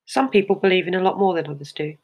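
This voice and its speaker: A storyteller reads a written short story aloud at an even, measured pace. The delivery stays steady from line to line, and the pitch sits in the middle range. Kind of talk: scripted narration of a short story.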